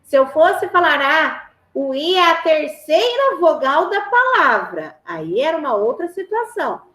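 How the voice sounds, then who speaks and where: Brazilian female schoolteacher, unhurried and patient, roomy sound. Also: high-pitched, very animated, a bit bright. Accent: Brazilian Portuguese. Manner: patient, repeats and checks understanding. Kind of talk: grammar lesson to a class. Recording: roomy echo.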